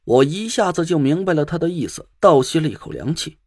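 A man narrating a first-person audiobook story with tense, animated storytelling. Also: a little high, brisk, no room sound, studio quality.

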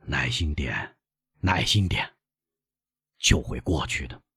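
A man playing a frail old father, soft and low, husky, weak, dry close sound. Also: expressive, takes it slowly, dry recording, full character voice. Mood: weary. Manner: weak, soft-spoken, sometimes whispered. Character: frail, gentle old father, poor and self-denying. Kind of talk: audiobook reading.

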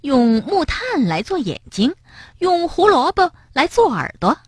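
A woman voicing a playful, stubborn young male rabbit in a children's storybook, with excited, shrill calling. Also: measured pace, no echo, clean studio sound.

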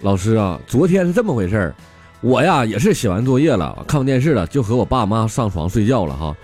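A man's voice: fairly low pitch, very animated, quick pace, darkish tone, soft background music. A man with a Northeastern Mandarin accent voicing a timid, whiny small boy in a comic story. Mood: plaintive.

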